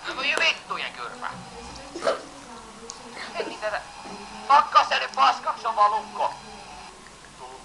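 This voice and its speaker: Swearing young woman with a lively voice. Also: a little high, gravelly, long pauses, a little hiss or hum, poor audio. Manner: swears constantly, yelps when startled. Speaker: game player. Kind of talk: casual let's-play commentary.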